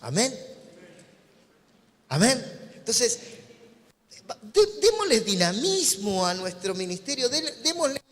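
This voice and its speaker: Argentine pastor preaching in a reverberant hall. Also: male voice, extremely high pitch, big pitch swings, slow pace, long pauses, fairly bright tone. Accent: Argentine Spanish. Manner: conversational preaching, acting out imagined dialogue with humor. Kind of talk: sermon. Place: church sanctuary.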